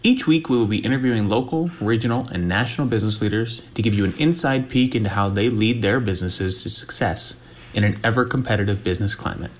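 A man reading a scripted podcast introduction in a friendly, smooth way. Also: fairly low pitch, fast. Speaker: show announcer.

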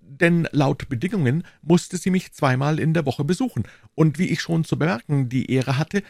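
A man's voice: fairly high pitch, moderate pace, vocal fry, a little mellow, no echo, studio quality, voice pushed up. A man voicing a talkative, deferential married man who confides at length in a polite, rambling way. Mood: confiding.

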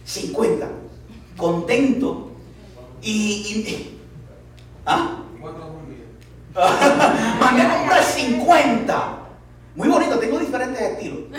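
High-voiced pastor in an echoey hall. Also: male voice. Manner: animated storytelling with laughs and asides to the congregation. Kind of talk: sermon. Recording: echoey church hall, distant mic.

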